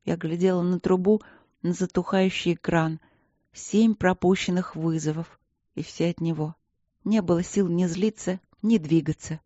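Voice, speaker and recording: Woman reading a romance audiobook in first person, mellow dark voice, dull dry sound. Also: on the low side, normal speed, no room sound. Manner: calm, reflective storytelling. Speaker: audiobook narrator.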